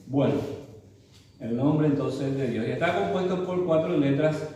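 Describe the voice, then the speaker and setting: A man teaching a church Bible class, explaining slowly and often checking with the class through tag questions. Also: a little high, mellow. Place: church hall. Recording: distant mic in very echoey hall, faint room noise.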